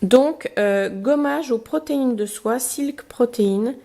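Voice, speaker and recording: A slightly high, mellow voice with vocal fry belongs to a woman fighting a cold and a blocked nose. She unboxes and reviews a beauty box casually, reading product cards aloud amid frequent pauses and fillers.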